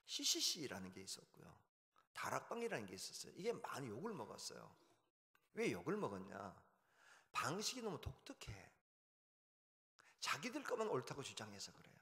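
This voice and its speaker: A male pastor giving a revival sermon with a very lively, swooping pitch and a bright, forceful tone. His humorous anecdotes echo through a church sanctuary with long reverb. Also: moderate pace, vocal fry, pauses often.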